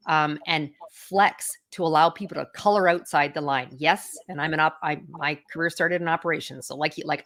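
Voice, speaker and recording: In a conversational interview, a middle-aged female executive answers as a guest with candor and confidence, often using fillers. Her voice is low and a bit bright.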